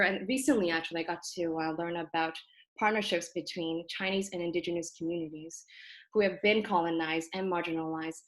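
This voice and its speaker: Speaking from her apartment over a computer video call, a young Toronto woman whose first language is Cantonese opens a community group discussion with a casual, earnest introduction. Her voice sits on the low side, she's thoughtful but full of ums and self-corrections, and the recording is low quality.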